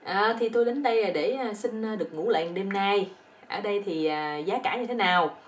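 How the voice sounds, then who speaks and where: A woman with a Southern Vietnamese accent voicing a randy seventy-year-old retired army teacher who talks haltingly and then barks commands. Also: medium pitch, far from the mic, lightly acted. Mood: hesitant.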